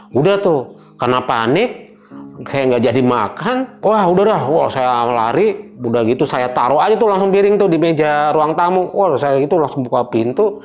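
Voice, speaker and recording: A young man, casually telling a personal ghost story as a guest, in an animated, dramatic way full of fillers. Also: a little high.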